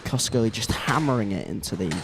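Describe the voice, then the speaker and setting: A man's voice: on the low side, lively intonation, brisk, creaky, noisy background. A young man giving chatty live commentary on a student squash match, often restarting his sentences. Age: young adult.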